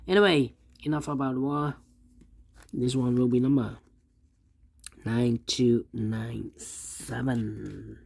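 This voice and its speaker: A sudoku instructor with a gravelly, mid-range voice calmly narrates solving a puzzle step by step. He speaks slowly with long pauses, sounding hesitant, using many "uh" fillers and repeating numbers aloud.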